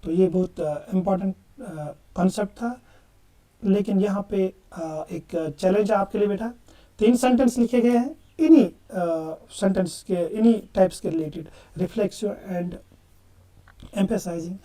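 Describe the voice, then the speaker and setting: Emphatic male grammar teacher, mellow tone. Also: sits high, measured pace, far from the mic. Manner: emphatic, calls students "beta", mixes English examples into Hindi. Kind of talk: classroom lecture.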